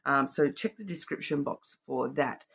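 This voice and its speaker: A woman's voice: a bass voice, normal speed, creaky, a bit bright, slightly rough. A middle-aged woman giving a casual psychic card reading, thinking aloud in a rambling, intuitive way. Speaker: card reader.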